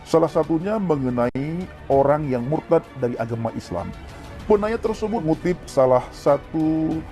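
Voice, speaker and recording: A man's voice: a little high, dark tone. Man presenting a church video. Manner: measured, addresses the audience directly. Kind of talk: scripted video introduction.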